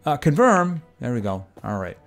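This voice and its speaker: Chatty streamer man with lively pitch. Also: normal speed, gravelly. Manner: chatty, wry asides. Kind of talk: casual gameplay commentary. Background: game music.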